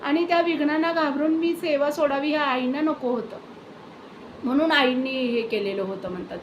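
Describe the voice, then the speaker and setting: A woman casually retelling a devotee's spiritual experience, with hesitant pauses and fillers. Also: sits high, lo-fi sound. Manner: hesitant, many fillers and restarts. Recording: roomy echo with faint background hiss.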